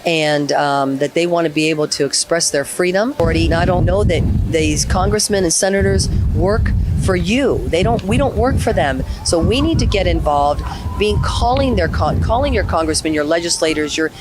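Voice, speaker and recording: A woman's voice: lowish voice, moderate pace, rough recording. Passionate woman from Venezuela, outdoors. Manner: passionate, emphatic, rallying. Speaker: guest, faith-based activist. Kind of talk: outdoor interview. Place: outdoors outside a stadium.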